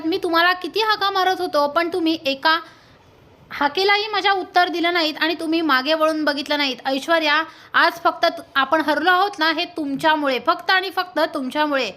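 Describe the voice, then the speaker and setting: A woman's voice: very high-pitched, brisk, pushed and bright. A woman voicing an angry young man who blames his partner, read in a scolding, accusing way.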